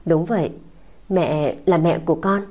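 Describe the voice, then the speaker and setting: A woman voicing a young mother who soothes a crying child in a soft, coaxing, tender way. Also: sits low, a little slow, dull audio. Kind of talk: audiobook character voice.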